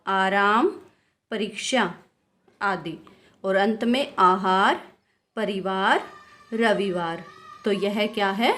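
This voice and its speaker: A woman teaching a grammar lesson to a class, patiently asking questions and answering them herself. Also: mid-range voice. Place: school classroom. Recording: echoey room, voice from far off.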